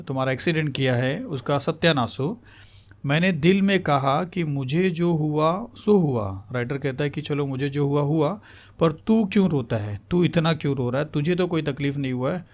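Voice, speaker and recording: A man with a slightly high voice teaches a school literature lesson. He restates each line in plainer words and slips English words into his explanations.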